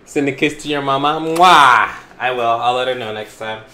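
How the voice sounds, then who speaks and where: A young man streaming a zombie game, loud and profane, shouting at the game as he plays. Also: mid-range voice, fairly even intonation, fast talker. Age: young adult. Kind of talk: live gameplay commentary. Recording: echoey room, faint hiss.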